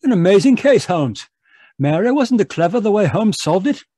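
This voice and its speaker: Man acting high, husky, genial Doctor Watson. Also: sing-song, moderate pace, warm tone, no room sound, studio quality, exaggerated voice. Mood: genial storytelling. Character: Doctor Watson, genial gentleman storyteller and loyal sidekick. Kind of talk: old-time radio mystery acting and narration.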